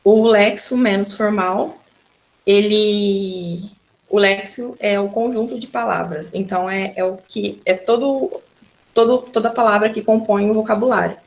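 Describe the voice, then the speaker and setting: Woman, Brazilian accent, teacher, recorded lesson, patient explaining, creaky, mid-pitched voice. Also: unhurried. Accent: Brazilian Portuguese. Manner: patient explaining, often starts with "então".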